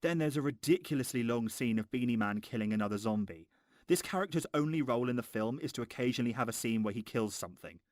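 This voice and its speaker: A man's voice: medium pitch, fast, a little mellow, no echo, clean studio sound. A man narrating a scripted film review in a mocking, exasperated, sweary way.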